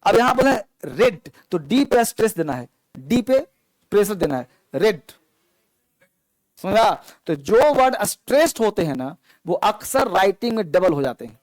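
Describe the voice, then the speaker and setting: A man leads a grammar lesson. He explains slowly and repeats words to drill his students. The recording is dry and close, with no room echo. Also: high voice, very animated, a little mellow. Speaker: teacher.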